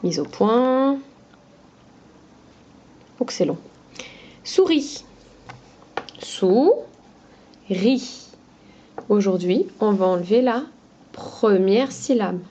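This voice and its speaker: Slow, patient woman teacher, dull audio. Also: medium pitch, lively intonation, mellow, a little hiss or hum. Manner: slow, carefully sounding out syllables. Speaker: schoolteacher. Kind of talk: lesson for young children. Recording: dull lo-fi recording.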